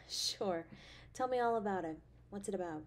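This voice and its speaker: In this intimate roleplay drama, the woman plays a caring, playful, affectionate girlfriend with tender expressiveness. She speaks naturally at medium pitch and an unhurried pace, sounding sympathetic and chatty.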